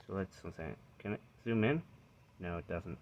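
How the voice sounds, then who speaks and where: A low-voiced man speaking at normal speed shows off a vintage reel-to-reel tape recorder on a handheld phone camera. He's unscripted and casual, rambling and breaking off, and the audio is dull with a bit of hiss or hum.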